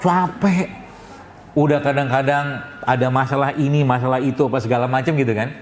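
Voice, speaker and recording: A man's voice: medium pitch, level tone, fast talker. A man preaching a sermon to a congregation. He asks questions and then answers them, and at times his voice rises into emphatic urgency. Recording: echoey hall recording, faint ambience.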